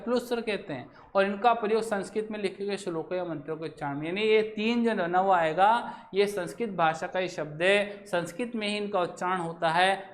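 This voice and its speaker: A man's voice: sits high, a bit bright, slight background noise. A male teacher explaining a grammar lesson while writing on a board, who asks his students questions and then answers them himself.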